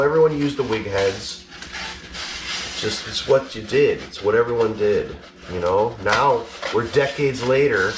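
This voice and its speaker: A man's voice: fairly low pitch, background noise. A man collector talking casually in a blunt, exasperated way and swearing freely. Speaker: mask collector. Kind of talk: casual vlog ranting.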